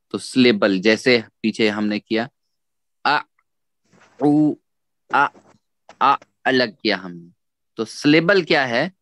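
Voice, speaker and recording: A man teaching Quran recitation in a slow, patient way, repeating sounds syllable by syllable for students to echo. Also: mid-range voice, a bit bright, clean studio sound. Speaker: tajweed teacher.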